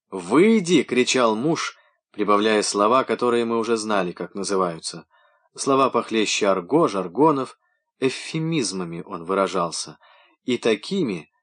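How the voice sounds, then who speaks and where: A man reading a novella aloud as a first-person narrator, in measured literary storytelling. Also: on the low side, fairly bright tone. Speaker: audiobook reader.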